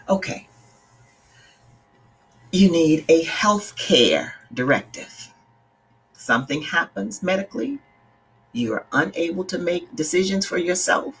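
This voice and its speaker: A woman's voice: low voice, slight background noise. A middle-aged woman from the Bahamas, a life coach talking casually to her live-stream viewers in an earnest, direct way and greeting them by name. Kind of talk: casual livestream talk.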